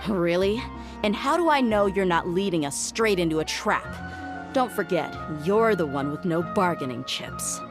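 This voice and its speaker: A young mercenary woman from a video game with a fairly low voice. She is blunt, confident and intimidating, with a sardonic edge. Soft music plays behind her. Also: animated, measured pace. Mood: stern, impatient. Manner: assertive, threatening, sardonic.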